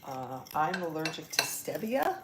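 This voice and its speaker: Slow, lively-pitched woman in an echoey kitchen. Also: very noisy. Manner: hesitant, thinking aloud while working. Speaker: lifestyle channel host. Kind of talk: casual livestream cooking chat. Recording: echoey room with loud kitchen clatter. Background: dishes and cutlery clatter.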